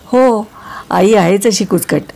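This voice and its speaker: A woman's voice: mid-range voice, takes it slowly, vocal fry, mellow. A woman voicing Neha, a touchy young woman who answers back sharply in a storybook tale. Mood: sarcastic.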